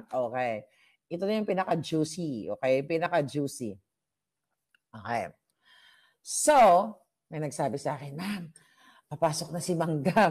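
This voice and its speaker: A woman with a low-pitched voice tells a story to her viewers in a lively, gossipy vlog style. She is chatty, mixes in English phrases and laughs often between lines. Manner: animated and chatty, mixing in English. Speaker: vlogger.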